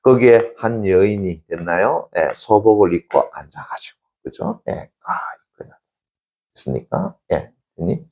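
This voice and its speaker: A man's voice: lowish voice, measured pace, vocal fry, a little hiss or hum. A male teacher telling a classical tale in a lecture, constantly checking in with his students and answering himself. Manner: animated storytelling, sound effects. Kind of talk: Korean classics lecture, storytelling.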